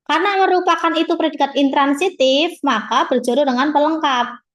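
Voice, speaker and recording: A woman's voice: high-pitched, a little fast, a bit bright. A woman tutor teaching a live online class, patiently explaining and answering students by name over a video call.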